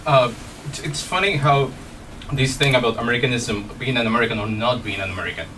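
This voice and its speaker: A man from Chile asking a question from the audience, with halting, searching phrasing. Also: medium pitch, recorded from a distance, noisy background. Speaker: audience member.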